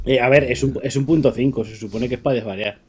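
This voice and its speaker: A man's voice: mid-range voice, steady tone, quick pace, slight background noise. A man with an accent from Spain, talking casually as a podcast co-host. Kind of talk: casual chat.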